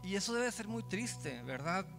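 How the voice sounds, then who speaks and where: A man preaching an evangelical sermon to a congregation, conversational and given to repeating words, growing loud and urgent. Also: high voice, sing-song, unhurried, creaky, over music. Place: church hall with congregation.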